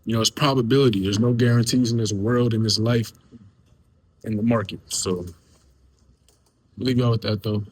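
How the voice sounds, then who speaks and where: A man's voice: lowish voice, fairly even intonation, moderate pace, pauses often, slightly rough. Laid-back young man giving a pep talk. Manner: laid-back, repetitive, slangy and encouraging. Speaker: day trading video creator. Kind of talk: casual motivational talk to camera.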